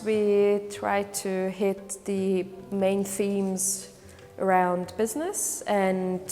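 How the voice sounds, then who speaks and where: In a testimonial interview, a Hungarian woman who volunteers as a trainer and career counselor talks through her project. Her mid-range voice is warm and carries a long reverb tail. She speaks thoughtfully, with plenty of fillers, hesitations and restarts.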